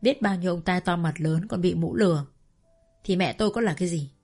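A woman reading a first-person family story in a calm, intimate storytelling manner. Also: lowish voice, fairly quick, husky, faint music behind.

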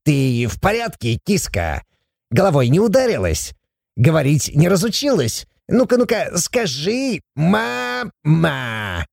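A man's voice: slow, creaky, no room sound, studio quality, exaggerated voice. A man voicing a playful, sly shaggy male dwarf who teases and chatters in a raised voice. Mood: teasing. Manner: teasing, chattering, high and lively.

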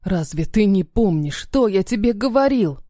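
A woman's voice: mid-range voice, animated, normal speed, warm tone, no room sound, clean studio sound, close to an everyday voice. A woman voicing a stern, cold-tempered man who speaks in clipped, commanding lines.

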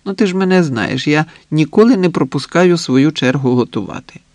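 A worn-out young woman, soft and pleading, as a male narrator puts her on in a storybook reading. Her voice sits a little above his usual pitch, with a tired, gentle way of talking. The sound is close and dry. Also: expressive, fairly quick, no room sound. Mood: weary.

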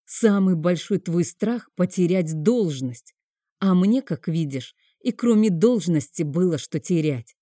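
A woman's voice: lowish voice, lively intonation, a little slow, warm tone, dry recording, clean studio sound. A woman voicing a bitter, sarcastic grieving man in an audiobook. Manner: bitter, biting.

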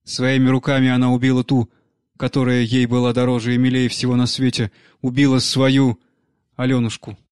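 A man narrating an audiobook in a measured, steady reading. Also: mid-range voice, clean tone, dry recording, clean studio sound. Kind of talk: scripted narration.

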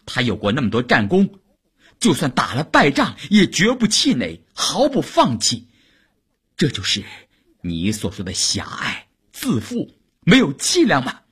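A man voicing a proud young woman who fiercely defends her husband in an audiobook, with a husky, indignant delivery. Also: on the low side, big pitch swings, unhurried, long pauses, full character voice. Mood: furious. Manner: indignant, rising to sharp outbursts.

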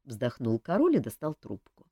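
A woman narrating an audiobook in a measured storytelling manner. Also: extremely low pitch, wildly swooping pitch, mellow, slightly rough, dry recording, clean studio sound. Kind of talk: scripted narration.

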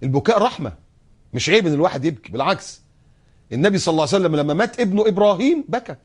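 A man preaching a sermon in an Egyptian accent, speaking in a lively, theatrical way that acts out scenes and voices. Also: high-pitched, rapid-fire, slightly rough. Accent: Egyptian Arabic. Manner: animated, acts out quoted voices and scenes, jokes and laughs. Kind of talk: colloquial sermon.

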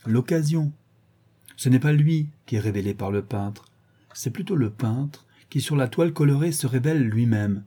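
A man's voice: medium pitch, mellow, husky, natural voice. A man voicing an earnest, secretive young painter who speaks in a confiding way.

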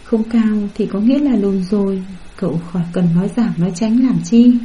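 Brief: woman doing a wounded, sulky young wife, self-pitying, dark mellow voice, lo-fi sound. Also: medium pitch, moderate pace, close to an everyday voice. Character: hurt young wife, sulking and self-reproaching.

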